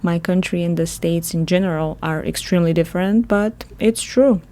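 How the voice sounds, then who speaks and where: Podcast host: Bulgarian woman, 30s, chatty and laughing, lowish warm tone. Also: moderate pace. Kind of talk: solo podcast monologue.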